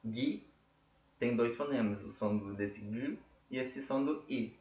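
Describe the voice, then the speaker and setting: A man's voice: medium pitch, takes it slowly, a little mellow. A man teaching a casual lesson, explaining step by step and checking in often with his listeners. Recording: echoey room.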